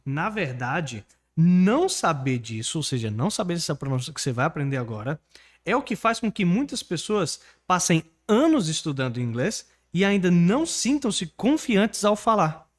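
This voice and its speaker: Brazilian english teacher guy, high voice all over the place, pushy and pumped. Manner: energetic, persuasive, asks the viewer to repeat words. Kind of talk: online English lesson and course pitch.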